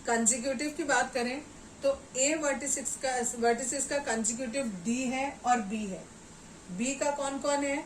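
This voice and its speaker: Working through a maths lesson at the board, a woman teacher explains step by step, mixes in English terms, and keeps asking "ठीक है" to make sure students follow. Her voice sits high and her pace is moderate, picked up by a distant mic with roomy echo and faint background noise.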